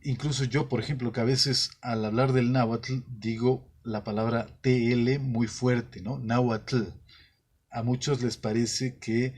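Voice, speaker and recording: A man with a Mexican accent, the host of his own channel, explaining a topic in a casual way and often pausing to rephrase his thoughts. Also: mid-range voice, fairly even intonation, a little mellow, slightly rough.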